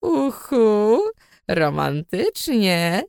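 A woman's voice: mid-range voice, big pitch swings, very slow, vocal fry, darkish tone, clear, resonant tone, dry recording, clean studio sound, full character voice. Woman voicing a cheeky young alchemist woman. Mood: teasing. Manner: teasing, laughing. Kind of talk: audiobook character voice.

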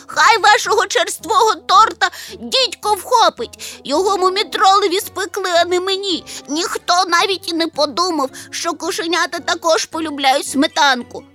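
A woman voicing a small, touchy young male creature who complains in a shrill, squealing way. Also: normal speed, pushed and bright, soft background music. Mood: shrieking.

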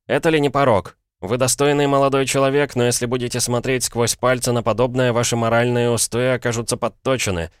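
A man voicing an indignant, pompous older gentleman stuck in a schoolboy's life, in an audiobook. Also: mid-range voice, fairly quick, smooth, no echo, studio quality, pitched above the performer's own voice, close to an everyday voice. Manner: outraged, shouting, pompous.

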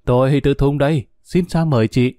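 A man's voice: mid-range voice, steady tone, moderate pace, mellow, no echo, studio quality, close to an everyday voice. A man voicing a jovial middle-aged local boss, chatting in an easygoing, amused way. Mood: genial.

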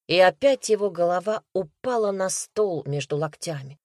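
A woman narrating a crime novel in a steady, tense storytelling manner on a close studio mic. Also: fairly low pitch, moderate pace, no echo. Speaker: audiobook narrator.

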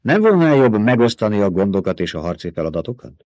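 A man's voice: fairly low pitch, sing-song, a little mellow, no room sound, voice pushed up. Audiobook: older battle-worn male adviser, cautious and clipped, read by a man. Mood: guarded. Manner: guarded, curt.

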